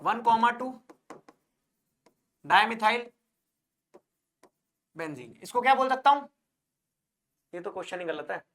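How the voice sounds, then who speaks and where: In an exam-prep chemistry lecture, a male teacher speaks with a high-pitched, expressive, fairly bright voice, a little slow and often pausing. Calling students brother and child, he answers his own questions and relies on jokey wordplay to help them remember.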